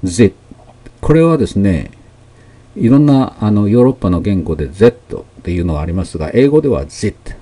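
A man teaching a lesson, explaining technical terms slowly with many fillers and pauses. His first language is Japanese. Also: fairly low pitch, sing-song, warm tone. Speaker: math teacher.

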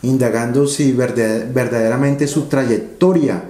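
A man's voice: medium pitch, steady tone, unhurried, mellow. A man, explaining money matters in a seated interview with rhetorical questions and analogies. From Colombia. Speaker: interviewee, finance educator. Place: office room with large windows. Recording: roomy office echo.

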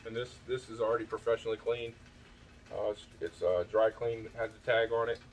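A man's voice: on the low side, fairly even intonation, brisk, recorded from a distance, slight background noise. A man chatting casually as he shows his thrift finds, rambling with many fillers and restarts, outdoors on a back porch at night. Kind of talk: casual vlog show-and-tell.

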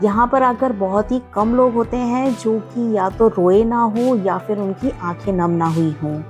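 A woman's voice: mid-range voice, a little slow, darkish tone, faint music behind. A woman narrating a travel vlog voice-over in a formal, reverent tone, often turning to the viewers as friends.

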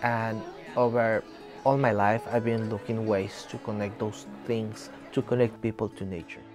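A young Ecuadorian man, a native Spanish speaker with an Ecuadorian accent, talks in a documentary interview as a student video producer. His voice is lowish and steady, with a moderate pace, and faint music plays in the background.

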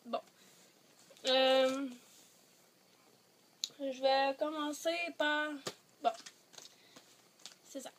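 A teenage vlogger with a Quebec French accent sits on her bed in her bedroom, chatting to a device camera a short distance away. Her voice is high and level, very slow with long pauses and many hesitations as she rambles, a little congested from a cold. There's a little hiss or hum in the recording.

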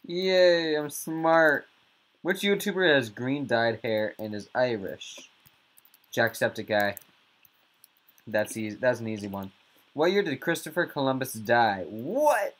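Goofy gamer dude chatting slow over his gameplay, jokes around, squeaks up out of nowhere sometimes. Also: lively intonation, a bit bright. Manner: goofy, jokey, with sudden squeaky outbursts. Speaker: gaming YouTuber. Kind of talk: casual gameplay commentary.

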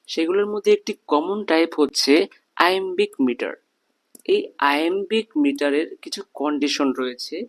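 A man's voice: fairly high pitch, low-quality recording. A young man teaching an English lesson, patiently repeating words and breaking them into syllables. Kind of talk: explanatory lesson.

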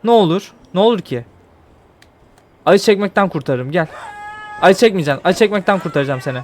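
A man's voice: high-pitched, expressive, fairly quick, a little hiss or hum. A man giving casual gameplay commentary, pleading and apologizing to a game character. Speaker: gameplay streamer.

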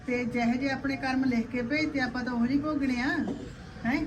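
A woman's voice: high voice, fairly even intonation, normal speed, distant mic, noisy background, natural voice. An actress playing a caring Punjabi mother-in-law, talking firmly and soothingly to her daughter-in-law.

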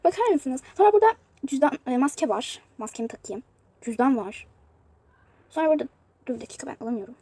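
Fast, high-voiced woman gaming chatter. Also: sing-song, mellow, slightly rough, dry recording. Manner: chatty, exasperated exclamations. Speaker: youtuber showing a mobile game. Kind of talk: casual gameplay commentary.

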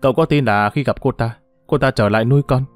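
A man's voice: medium pitch, quick pace, dry recording, soft background music, natural voice. A man voicing a firm but kind male police officer who questions a stranger. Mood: stern, concerned.

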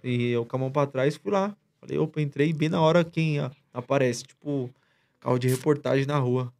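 Male podcast guest, easygoing slangy storyteller, restarts often, average pitch. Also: a little fast, gravelly, darkish tone. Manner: rambling slangy retelling with many restarts. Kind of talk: casual storytelling chat.

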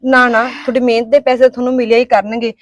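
A woman's voice: a little high, little pitch movement, dry recording, lo-fi sound, lightly acted. A young woman playing a devout daughter-in-law who argues with her mother-in-law and comforts a stranger. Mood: soothing. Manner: quick, earnest, talks back when pushed. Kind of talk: amateur short-film acting.

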